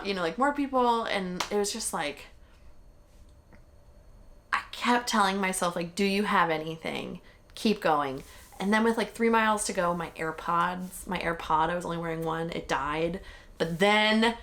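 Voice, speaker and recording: A young woman talks straight to camera as a vlogger, candid and chatty, with lots of "like" and some swearing. Her voice sits a little low for a woman. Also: unhurried, fairly bright tone. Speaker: vlogger recapping a marathon. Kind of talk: casual chat.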